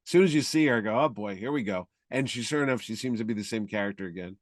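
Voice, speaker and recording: A man's voice: medium pitch, expressive, racing, dry recording, clean studio sound. A middle-aged man co-hosting a casual film-review chat, rambling and opinionated. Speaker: podcast co-host.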